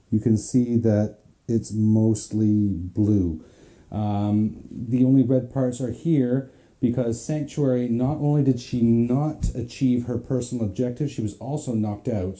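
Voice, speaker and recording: A man's voice: mid-range voice, dark tone. A man narrating a solo board game campaign, counting dice aloud in a chatty, self-mocking way. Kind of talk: casual play-through narration.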